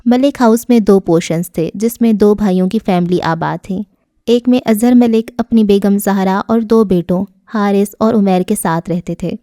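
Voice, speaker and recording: A woman narrating a novel in steady, even storytelling for an audiobook. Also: mid-range voice, no echo, studio quality.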